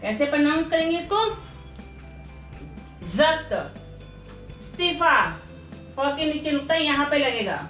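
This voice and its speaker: A woman's voice: high voice, a bit bright, reverberant, faint music behind. A woman teaching a language lesson, reading out practice words one by one and asking the class how to pronounce them. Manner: slow, deliberate pronunciation drills with rhetorical questions. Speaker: Hindi teacher. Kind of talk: classroom lesson, reading word lists aloud.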